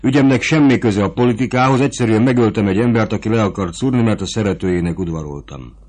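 A man's voice: fairly low pitch, a little mellow, close to an everyday voice. A man voicing a young nobleman on the run, who speaks directly and pleadingly. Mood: urgent.

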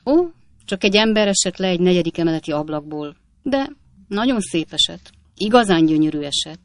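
A woman's voice: fairly low pitch, no room sound, close to an everyday voice. Woman doing a breezy, boastful young medic. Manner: breezy, animated, relishing gruesome stories. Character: flippant young male medical student, boastful joker.

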